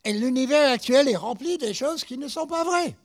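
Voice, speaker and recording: Animated American-accented man preaching. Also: extremely high pitch, moderate pace. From United States. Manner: animated storytelling with repeated words. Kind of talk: sermon.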